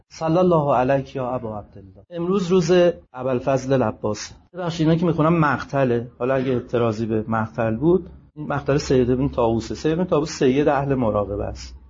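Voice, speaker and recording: A man preaching a sermon with a husky voice, reciting Arabic passages slowly and translating them in quicker, declaiming asides. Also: on the high side. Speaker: religious preacher reciting a martyrdom narrative. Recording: dull lo-fi recording.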